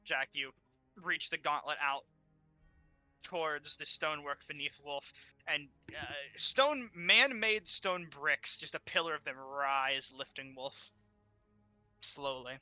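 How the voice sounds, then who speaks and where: Bright-voiced male game master. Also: on the high side, no echo, faint music behind. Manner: descriptive, halting narration with many fillers. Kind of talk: narrating a tabletop game.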